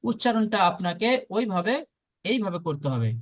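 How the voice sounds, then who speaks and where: A man teaches a lesson. He talks patiently and repeats each sound slowly. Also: high-pitched, animated. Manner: patient and repetitive, slowly drills sounds aloud. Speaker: Arabic pronunciation teacher. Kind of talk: online lesson.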